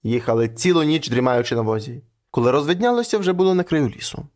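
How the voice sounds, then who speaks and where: Ukrainian male storyteller, somewhat high voice, lively folk-tale reading with voiced characters. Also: fast talker. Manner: acts out characters with shifting pitch. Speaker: narrator.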